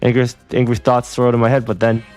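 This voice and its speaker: A man narrating a visual novel as he plays. He reads in a brisk, matter-of-fact way at a very quick pace, with a mid-range voice. Faint game music plays behind him. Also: mid-range voice, level tone, darkish tone. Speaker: game reader. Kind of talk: reading a visual novel aloud.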